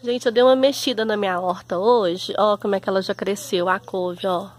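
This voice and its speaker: A woman's voice: medium pitch, steady tone, brisk. A woman with a Brazilian Portuguese accent, chatting casually to her viewers while showing her backyard garden outdoors. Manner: chatty, homely, often calls out to her viewers. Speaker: home and garden vlogger.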